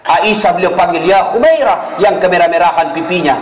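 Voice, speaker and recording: High-voiced joking preacher in an echoey hall. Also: male voice, a little fast. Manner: lively storytelling with voiced characters and jokes. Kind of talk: humorous sermon. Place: hall with live audience. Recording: echoey hall with faint noise.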